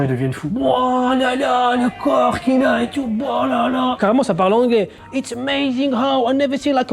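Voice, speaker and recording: A young man spins a playful storytime tale straight to the camera. His pitch leaps and dips all over the place as he talks, and soft music plays underneath. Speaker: vlogger telling a story. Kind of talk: casual storytime monologue.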